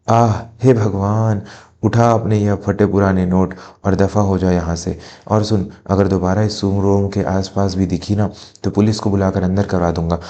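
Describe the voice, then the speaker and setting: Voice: low-pitched, warm tone, natural voice. A man playing an arrogant, bullying car showroom salesman in a family drama. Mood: menacing. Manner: rude, scornful, bullying.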